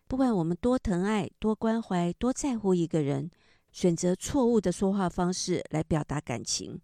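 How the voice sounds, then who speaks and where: A middle-aged woman, an author and counselor, gently explaining ideas and telling a story about a book. She speaks in an explanatory manner with drawn-out particles at the ends of phrases. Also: lowish voice, no echo, clean studio sound.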